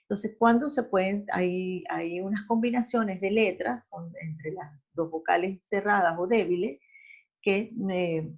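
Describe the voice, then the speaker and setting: A woman's voice: mid-range voice, measured pace. A woman teacher giving a class, explaining step by step, repeating herself and correcting herself often. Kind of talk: online class lecture. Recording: dull lo-fi recording.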